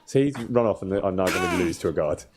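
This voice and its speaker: A low-voiced, expressive male streamer talks quickly over a noisy crowd, hosting a gaming livestream and chatting casually, a little hesitantly, as he plays.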